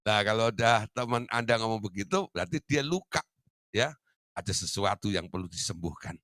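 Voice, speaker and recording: Lively pastor with bright voice. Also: male voice, lowish voice, normal speed, no echo, clean studio sound. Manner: lively, chuckles often, acts out quoted reactions. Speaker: pastor teaching a discipleship class. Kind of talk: sermon.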